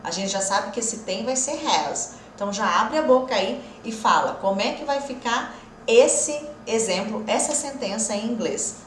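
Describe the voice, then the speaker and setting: A Brazilian woman teaching an online English lesson, speaking in a lively, encouraging way and slowing down to stretch out her English example sentences. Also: fairly high pitch, echoey room, a little hiss or hum. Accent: Brazilian Portuguese.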